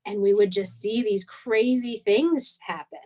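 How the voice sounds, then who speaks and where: Woman in her twenties, interview guest, animated storyteller, acts out quoted dialogue, medium pitch. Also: measured pace, rough recording. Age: 20s. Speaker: guest missionary.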